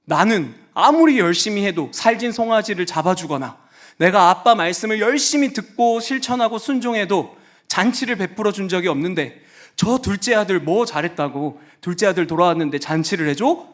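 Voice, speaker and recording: A sulky, resentful elder son whines and protests, his voice jumping up high and loud in his complaints, as a preacher acts him out. He is sure he has been wronged, and the storytelling is plainly for young listeners. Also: animated, moderate pace. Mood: indignant. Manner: whiny, indignant complaining.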